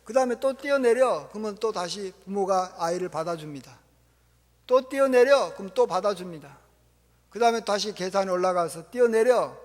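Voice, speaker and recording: A man preaching a sermon as pastor, animated, acting out parents and a crying child. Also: high voice, a little fast. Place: church sanctuary. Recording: long church reverb.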